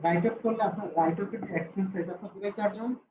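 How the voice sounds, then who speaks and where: A man's voice: high voice, steady tone, very fast, noisy background. A man teaching an online class, asking students questions and answering them himself. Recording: roomy, slightly dull call audio with faint ambience.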